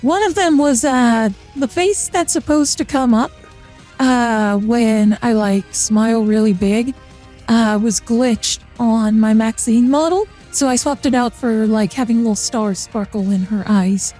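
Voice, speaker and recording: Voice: mid-range voice, unhurried, a little mellow, faint music behind. A streamer talking through a voice changer that makes the voice sound feminine, chatting casually and rambling with many fillers. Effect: voice changer making the voice sound feminine. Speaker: VTuber streamer. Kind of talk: casual gameplay chat.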